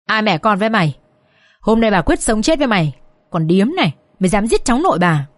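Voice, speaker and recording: A woman voicing a furious, scheming middle-aged mother-in-law who scolds and curses in a shrill voice. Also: very animated, a little fast, dry recording, studio quality, natural voice. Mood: raging.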